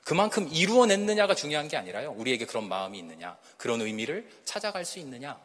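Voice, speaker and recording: A man's voice: on the high side, very animated, fast talker, fairly bright tone. A man giving a sermon-style talk at a church retreat, asking the audience questions and acting out the quoted voices. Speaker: speaker at a church women's retreat. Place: church hall. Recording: long church hall reverb.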